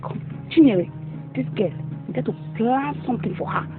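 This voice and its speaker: A woman plays a young Nigerian woman, heated and ranting in Pidgin, her voice pitched above the usual and swinging widely. The sound is tinny and phone-like, with loud music underneath. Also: lively intonation, normal speed, lightly acted. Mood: angry ranting. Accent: Nigerian Pidgin English. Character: young woman furious at a cheating lover. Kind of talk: film drama acting.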